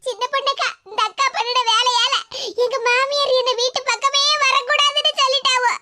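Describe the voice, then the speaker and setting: A woman's voice: very high voice, steady tone, a little fast, bright, forceful tone. A woman voicing a young cartoon wife who sobs and wails, with a Tirunelveli Tamil accent. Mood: wailing. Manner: wailing, sobbing. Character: crying young wife thrown out by her in-laws. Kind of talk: cartoon voice acting. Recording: noisy lo-fi recording.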